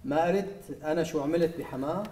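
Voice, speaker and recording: A man's voice: on the high side, quick pace, warm tone, reverberant, slight background noise, natural voice. A man voicing a stern, contemptuous old male ex-dictator who scolds his son, with a Syrian Arabic accent.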